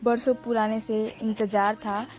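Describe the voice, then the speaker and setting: A woman's voice: fairly high pitch, flat delivery, unhurried, darkish tone. A young woman narrating her vlog in a casual, chatty way and talking to her viewers as friends. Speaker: vlogger.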